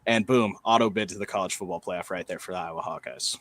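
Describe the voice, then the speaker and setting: A man's voice: low voice, quick pace, a bit bright. A man co-hosting a casual college football talk show, steadily laying out playoff scenarios point by point. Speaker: sports podcast co-host.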